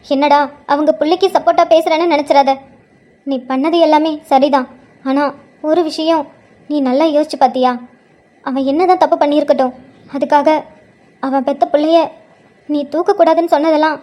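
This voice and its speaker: A woman voicing an older grandmother and mother-in-law who speaks softly and sorrowfully, full of guilt. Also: high voice, steady tone, moderate pace, pauses often, natural voice. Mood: pleading. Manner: soft, pleading and sorrowful. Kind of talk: cartoon drama voice acting.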